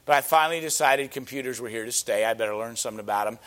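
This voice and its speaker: A middle-aged man with a mid-range voice races through an emphatic, rhetorical sermon. He answers imagined objections and climbs to loud peaks on his key points.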